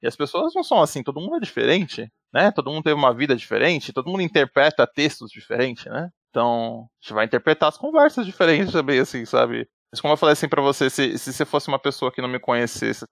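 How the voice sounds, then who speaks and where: A man's voice: medium pitch, fast, creaky, few pauses, dry recording, clean studio sound. A man co-hosting a podcast in casual chat, rambling with many fillers and restarts and acting out quoted dialogue. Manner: rambling, peppers speech with "né" and "tipo", restarts often; animated, acts out quoted dialogue. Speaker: podcast co-host.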